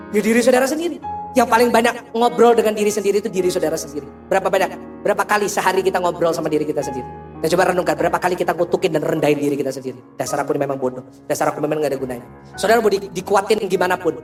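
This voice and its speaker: A man preaching a sermon as senior pastor, animated and joking as he talks straight to the congregation. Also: sits high.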